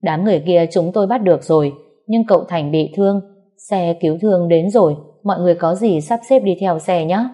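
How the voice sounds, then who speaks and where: A woman reading a story aloud and voicing a male police officer who reports in a brisk, factual way. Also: on the low side, warm tone, close to an everyday voice. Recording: dull lo-fi recording.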